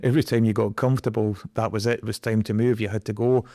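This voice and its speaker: A man's voice: on the low side, little pitch movement, fast talker, warm tone, no echo, clean studio sound. A Scottish man in his forties, a guest in an interview, talking earnestly and reflectively about his career. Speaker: guest, energy project director. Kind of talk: conversational interview.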